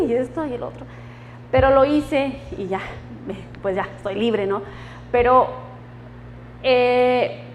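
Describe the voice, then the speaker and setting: A woman's voice: high voice, darkish tone, long reverb tail, slight background noise. A woman giving her personal testimony in church, emotional and laughing often as she quotes the voices of God and friends.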